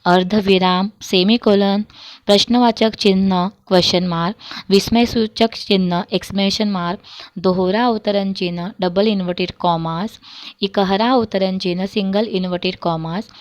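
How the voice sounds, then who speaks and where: A woman teacher giving a grammar lesson to school students, explaining slowly and repeating examples. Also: medium pitch, steady tone.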